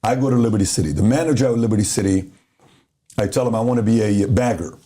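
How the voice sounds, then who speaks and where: Middle-aged man from Iran, podcast guest; low, warm delivery, animated motivational storyteller who voices the people in his anecdotes. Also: quick pace. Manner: animated, acts out dialogue in stories.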